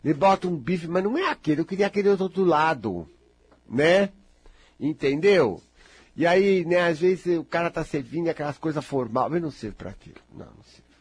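A man giving casual motivational talk, chatty and animated, often calling his listeners "gente" and acting out other voices. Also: normal speed, breathy edge. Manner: acts out quoted voices with big pitch jumps. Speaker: speaker giving life advice.

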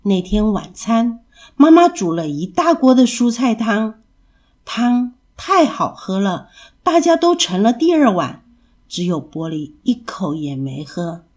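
A woman storyteller reading a children's story aloud in an expressive, animated way. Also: medium pitch, a little slow.

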